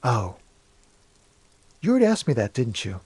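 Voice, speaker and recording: A man playing a nervous young smoker in a video game, guardedly polite and mannered, speaking in a lowered voice. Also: huge pitch swings, moderate pace, slightly rough, no room sound, heavily acted. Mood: evasive. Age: young adult. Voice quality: lowered, hushed voice. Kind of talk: video game character acting.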